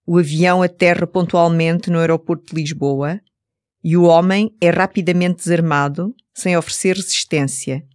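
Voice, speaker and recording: A woman's voice: on the low side, fairly even intonation, normal speed, darkish tone, no echo. Dry European Portuguese female story narrator. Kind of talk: scripted story narration for language course.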